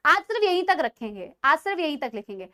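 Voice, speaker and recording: A woman with an Indian accent teaching a live online biology class, chatting and teasing her students and dictating notes slowly. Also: sits high, very animated, pushed and bright.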